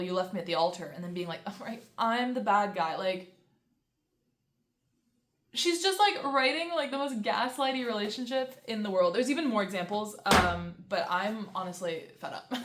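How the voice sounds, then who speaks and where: A young woman vlogging a casual book review, ranting in an exasperated way with lots of fillers. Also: a little high. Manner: exasperated, fast, with many fillers and sarcastic quoted asides. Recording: echoey room.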